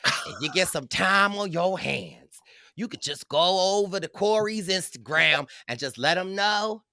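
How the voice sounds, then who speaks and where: A man co-hosting a podcast, telling stories in an animated, theatrical way. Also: sits high, measured pace, vocal fry, no echo, clean studio sound. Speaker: podcast co-host. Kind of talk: casual podcast chat.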